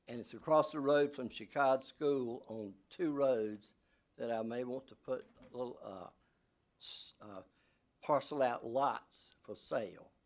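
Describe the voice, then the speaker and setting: A man, a local landowner, asking questions during public comment at a county meeting, talking in a halting, folksy way. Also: mid-range voice, a little mellow. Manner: halting, folksy, with many fillers. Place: county meeting room, at a podium mic.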